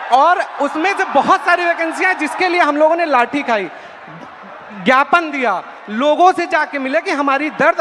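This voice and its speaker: Young man, very high pitch, emphatic raised voice, earnest respectful testimony, reverberant hall. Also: sharp tone. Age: young adult. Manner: emphatic, raised voice, deferential address. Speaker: student job aspirant. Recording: noisy hall with long echo.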